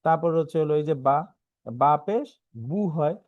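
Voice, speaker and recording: A man with a Bangladeshi Bengali accent, teaching an online Quran reading class, spelling out letters slowly and often checking in with "right?". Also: fairly high pitch, no echo, phone-quality sound. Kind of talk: online lesson.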